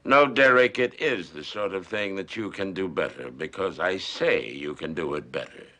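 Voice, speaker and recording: An actor playing a veteran district attorney, a gruff older man who snaps with exasperation and gives curt orders. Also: deep voice, normal speed, bright, forceful tone. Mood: commanding.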